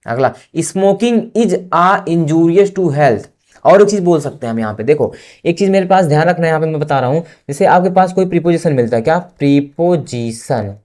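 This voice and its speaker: Man teaching grammar, chatty, checks in often, spells words out slowly. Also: fairly high pitch, mellow. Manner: keeps asking "samajh mein aaya?", drawn-out spelling and dictation. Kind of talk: informal classroom lesson.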